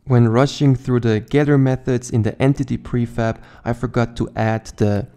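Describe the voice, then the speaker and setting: A man narrating a programming screencast, explaining code step by step in a calm, methodical way. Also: medium pitch, normal speed, faint music behind.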